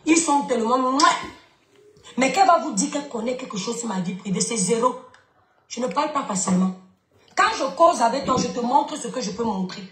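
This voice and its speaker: Lady keeping things private, plain matter-of-fact talk, kinda high, roomy echo. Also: expressive, brisk, fairly bright tone.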